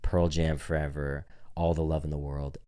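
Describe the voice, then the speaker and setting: A young man with a very low voice tells a story on a casual podcast. He curses freely and acts out every line of dialogue with animated, shifting voices. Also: moderate pace, clean tone. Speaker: podcast co-host.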